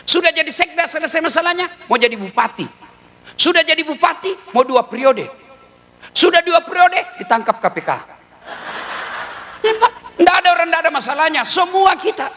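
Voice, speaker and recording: A man preaching a comic sermon in an animated way, now and then dropping low to mimic the people he talks about. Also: gravelly. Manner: animated, mimics widows and wives in a low voice, sings snatches.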